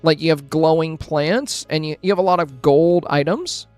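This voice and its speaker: A man's voice: a little high, normal speed, a little mellow, clear, resonant tone, no echo, faint music behind. A man streaming a casual review of game screenshots, friendly and thinking aloud with plenty of fillers and restarts. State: hiccuping, with a headache.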